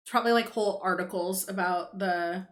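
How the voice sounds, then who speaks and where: Sick, soft-spoken woman co-hosting. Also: mid-range voice, steady tone, brisk. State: sick, congested. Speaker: co-host, host's wife. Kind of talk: casual reaction chat.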